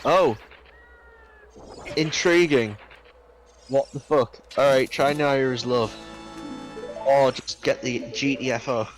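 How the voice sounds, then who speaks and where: A man's voice: mid-range voice, takes it slowly, long pauses, soft background music. A man chatting casually during a game stream, rambling, swearing offhand and laughing through his own stories. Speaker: co-op stream guest. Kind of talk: casual gaming chat.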